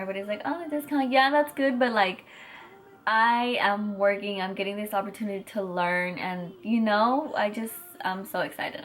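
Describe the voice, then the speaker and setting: A young woman from chatting excitedly on camera at home, with lots of fillers and retold conversations. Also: mid-range voice, slight background noise. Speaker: vlogger. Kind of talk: casual chat.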